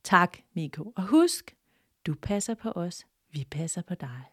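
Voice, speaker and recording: A woman's voice: medium pitch, very animated, no echo, clean studio sound, close to an everyday voice. A woman voicing a talking cherry tree that coaxes and persuades. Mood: coaxing. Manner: coaxing, persuasive.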